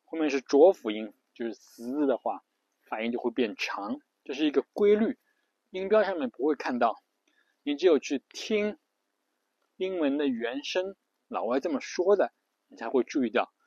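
A man's voice: medium pitch, lively intonation, moderate pace, darkish tone, no room sound, dull audio. A man giving a casual spoken lesson on pronunciation, repeating himself often, with words. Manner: repetitive, lots of fillers and restarts, spells letters out. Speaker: English pronunciation teacher.

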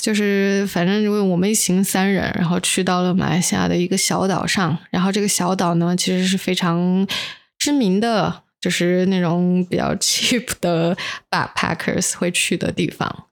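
A woman co-hosting a podcast while under the weather, telling personal stories casually and mixing English words into her Mandarin. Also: on the low side. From inland China. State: unwell, recording while sick. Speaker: podcast co-host. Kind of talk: casual chat, personal storytelling.

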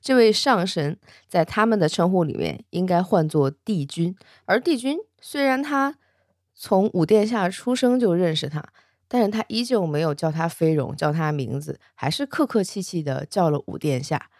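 Chatty woman with a low voice telling a story. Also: animated, normal speed, darkish tone, dry recording, clean studio sound. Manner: chatty, laughs often. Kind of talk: casual storytelling.

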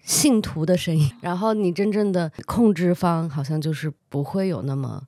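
A woman talking in a casual podcast chat, animated and quick to laugh. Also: on the low side, no room sound, clean studio sound.

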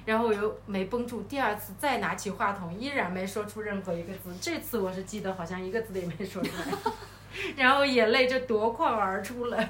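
A woman's voice: mid-range voice, brisk, fairly bright tone. A woman co-hosting a podcast, telling a story in casual chat and laughing often as she goes. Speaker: podcast co-host. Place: hotel room. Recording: echoey room, faint background noise.

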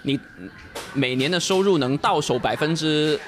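A man's voice: on the high side, normal speed, faint music behind. A man from Guangzhou speaking Mandarin with a light Cantonese accent, explaining things in a casual podcast chat as a guest. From Guangzhou, China. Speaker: guest, full-time short-video creator.

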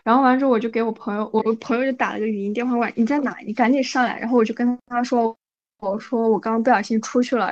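A woman co-hosting a podcast, telling a story in a casual, animated way and often checking in with her listener. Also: a little high, dull audio. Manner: animated, frequent "你知道吧" asides. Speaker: podcast co-host.

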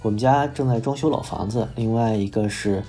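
A man's voice: fairly low pitch, fairly quick, mellow, faint music behind. A man hosting a casual podcast chat in a wry, self-mocking way. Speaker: podcast host.

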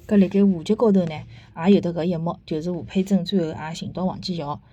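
A woman with a Shanghainese accent talks in a low, mellow voice with a slightly husky edge. She sounds conversational and opinionated, like a host casually retelling and reviewing a story. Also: fairly even intonation, quick pace, lo-fi sound. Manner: conversational, opinionated, with rhetorical tag questions. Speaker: host of a book and theatre review podcast.

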